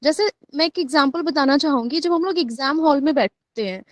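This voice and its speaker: A woman's voice: sits high, a little fast, no room sound. A woman taking part in an online class, sharing her points at length and switching between Hindi and English. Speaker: participant.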